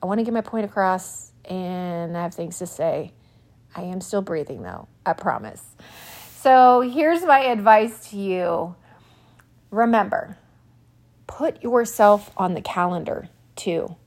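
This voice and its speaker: Woman, forties, podcast host, personal monologue, animated, self-mocking, slightly out of breath. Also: medium pitch, slow. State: a little out of breath.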